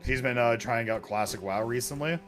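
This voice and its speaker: A content-creating man rambles through casual chat while he plays, dropping swear words as easily as fillers. His voice sits at an ordinary mid pitch. Game music plays faintly behind him. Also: brisk.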